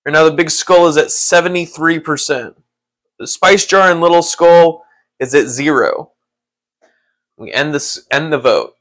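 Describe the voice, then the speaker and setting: A man hosting a casual livestream who rambles in a relaxed way, laughs often and talks to his chat. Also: a little high, unhurried. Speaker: livestream host.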